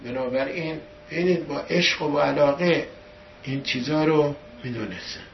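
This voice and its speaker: Man telling a sermon, emphatic, fairly high voice, echoey room, distant dull mic. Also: creaky, a little hiss or hum. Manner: emphatic, pushes key words louder. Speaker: religious teacher. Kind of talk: storytelling sermon.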